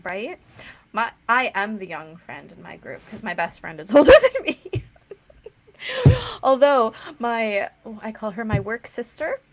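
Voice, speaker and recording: A woman's voice: mid-range voice, unhurried. A woman in her thirties hosting an interview, chatty and upbeat, laughing easily. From Canada. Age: 30s. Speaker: host. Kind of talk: casual interview chat.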